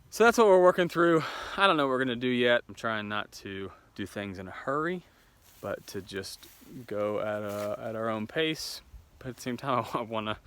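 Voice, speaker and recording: Homesteading man explaining outdoors. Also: on the low side. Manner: explains step by step with fillers and restarts. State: out of breath from lifting. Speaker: homesteading vlogger. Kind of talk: casual talk to camera.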